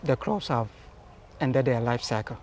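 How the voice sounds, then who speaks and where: A man on a school farm calmly explaining how the crops are grown, recorded outdoors. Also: mid-range voice, unhurried.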